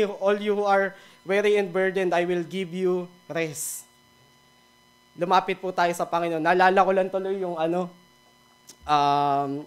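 A man's voice: fairly high pitch, smooth. A Filipino man giving a daily devotional sermon, switching between Tagalog and English, casual and joking at times. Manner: mixes Tagalog and English, laughs at his own jokes. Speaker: devotion speaker.

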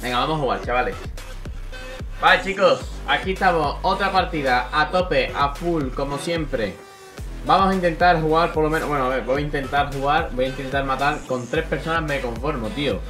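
A young man from Spain, commentating his own gameplay in an excitable way, swearing often and bursting into loud shouts. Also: medium pitch, fairly quick, soft background music. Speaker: gaming youtuber.

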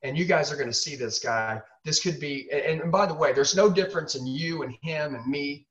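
A man's voice: a little high, fairly quick, fairly bright tone. A man speaking as a sales trainer and host, giving emphatic, punchy motivational coaching and repeating himself for effect. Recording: distant mic, dull lo-fi sound.

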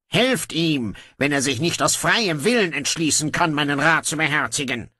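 A man voicing a weary, ruthless young king who talks in gruff, dry sarcasm. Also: a little high, expressive, moderate pace, pushed and bright, dry recording, pitched above the performer's own voice, full character voice. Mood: sardonic.

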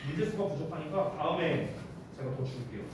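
A man's voice: a little high, darkish tone. A man teaching English grammar to a class, talking emphatically and checking often that students follow. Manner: emphatic, keeps checking students with quick questions. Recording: echoey room, mic far off, noisy.

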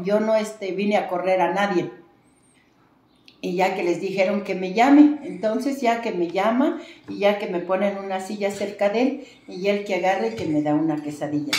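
A woman's voice: lowish voice, darkish tone, roomy sound, slight background noise. A woman with a Mexican accent, a traditional healer, telling a long story in an interview with many fillers and restarts.

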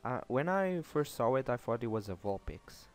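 A man's voice: mid-range voice, very animated, moderate pace, faint music behind. Laid-back young man giving short replies. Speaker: co-host. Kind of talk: casual gameplay chat.

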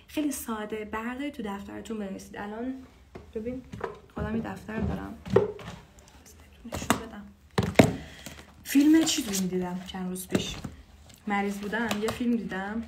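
Woman, Persian accent, English teacher, explains step by step, repeats lines slowly, middle pitch. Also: noisy background. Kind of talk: teaching English through song lyrics.

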